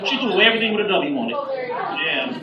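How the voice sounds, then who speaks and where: A man's voice: high voice, sing-song, very fast, highs cut off. A man performing a stand-up set to a live audience, talking casually and playfully working the crowd. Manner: conversational, playful crowd work. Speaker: stand-up comedian. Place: club stage before a live audience. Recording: roomy club audio from a distance with audience noise.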